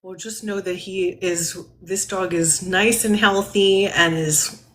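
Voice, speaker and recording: A woman giving a spirit reading to a caller on a live stream, talking gently with many fillers and soft laughs. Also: fairly low pitch, fairly even intonation, slow.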